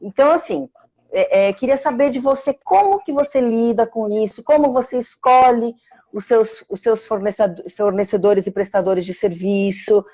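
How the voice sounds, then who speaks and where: A woman's voice: fairly high pitch, normal speed, warm tone, muffled recording. A woman co-hosting a casual interview, asking long questions padded with fillers. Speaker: co-host. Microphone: video call.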